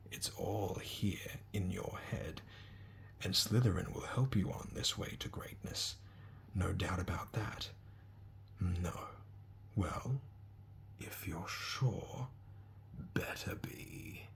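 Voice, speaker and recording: A man voicing an old, wise talking hat, in a slow, breathy whisper that muses over each word. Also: sits low, full character voice. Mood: coaxing. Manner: slow, musing, drawn out. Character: ancient magical talking hat, male, wise, probing.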